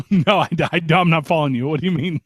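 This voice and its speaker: A man's voice: a little high, quick pace, no echo. A man co-hosting a talk radio show in casual chat, playful and teasing. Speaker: radio co-host.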